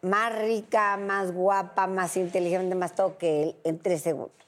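A woman's voice: on the low side, steady tone, moderate pace. A middle-aged woman with a Mexican accent, a brash panel guest who tells stories and acts out the dialogue. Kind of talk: casual panel chat, storytelling.

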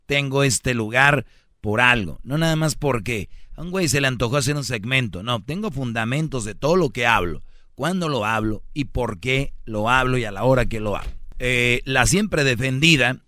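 A man's voice: mid-range voice, expressive, moderate pace, pushed and bright, no room sound, studio quality. A man hosting a radio talk show, arguing with callers in a combative, self-assured and lecturing manner. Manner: repeats a slangy address to callers. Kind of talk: heated on-air argument.

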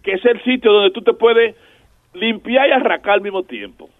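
A man's voice: high-pitched, moderate pace, no echo, narrow, tinny audio. A male radio host with a Dominican accent, telling crude, joking stories in casual banter. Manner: joking, crude, animated storyteller.

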